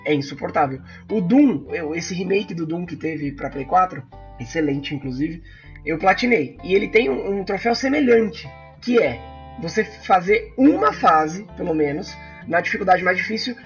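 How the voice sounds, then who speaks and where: A man, co-hosting a casual chat about video games, animated and full of restarts. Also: sits high, moderate pace, soft background music. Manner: animated, frequent fillers and restarts. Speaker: podcast co-host. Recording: slightly dull lo-fi sound.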